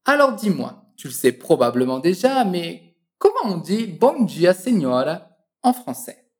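Teaching French, a low-voiced woman has an intonation that swoops with liveliness. Each phrase gets a slow, precise drill, and she encourages the listener to say it back after her.

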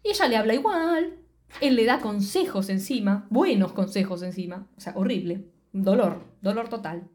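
A woman's voice: medium pitch, normal speed. A young woman with a Rioplatense Spanish accent, co-hosting a podcast and retelling a series with lots of swearing and acted-out lines. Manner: animated, swears freely, acts out dialogue. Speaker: podcast co-host. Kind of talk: casual chat recapping a series.

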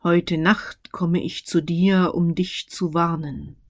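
A woman voicing the mournful ghost of a dead businessman, speaking solemn, slow warnings. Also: fairly low pitch, fairly even intonation, darkish tone.

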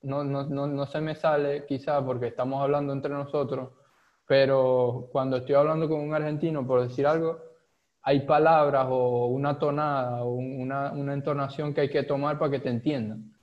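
Halting Maracaibo Venezuelan man, muffled. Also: medium pitch, flat delivery. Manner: thoughtful, halting, many restarts and fillers. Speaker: podcast guest. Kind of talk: casual chat.

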